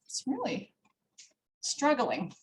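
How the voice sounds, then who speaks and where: A woman's voice: fairly high pitch, wildly swooping pitch, slow pace. Woman, nursing instructor, casual lecture style, fillers and asides, roomy distant classroom recording. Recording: roomy classroom audio from far off.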